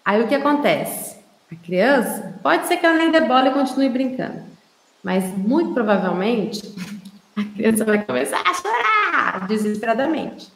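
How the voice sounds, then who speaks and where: A woman's voice: a little high, sing-song, normal speed, vocal fry. A woman with a Brazilian Portuguese accent giving casual, chatty advice to parents, often checking in with her listeners. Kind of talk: casual explanatory advice talk. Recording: roomy echo.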